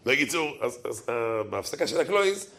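A man giving a lively sermon, telling stories and acting out the voices of the people in them, chuckling often. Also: medium pitch. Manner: animated, acts out quoted voices, chuckles often. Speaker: rabbi preacher.

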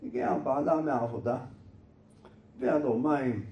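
Gravelly folksy male storyteller, echoey room. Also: medium pitch, highs cut off. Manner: conversational, folksy, repeats himself. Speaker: preacher telling a parable. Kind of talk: storytelling sermon. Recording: echoey room, faint noise.

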